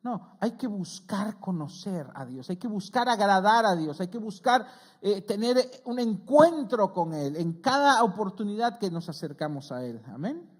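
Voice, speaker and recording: Earnest Argentine pastor preaching conversationally. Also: male voice, sing-song, unhurried. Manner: earnest, conversational preaching with frequent "¿sí?" check-ins; rises in pitch and volume when quoting scripture. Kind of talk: sermon.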